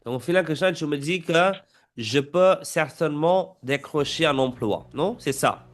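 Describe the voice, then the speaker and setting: A man's voice: fairly high pitch, normal speed. Casual French-accented male examiner. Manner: casual, prompting with tag questions. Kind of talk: speaking exam role-play.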